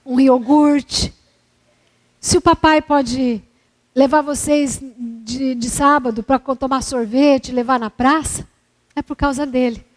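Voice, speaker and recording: A woman lending her voice to a little boy, earnest and grateful, speaking tenderly to a grown man. The voice sits fairly high and stays soft and heartfelt. It is a gentle storytelling voice, not a full character act. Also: steady tone, slow, long reverb tail.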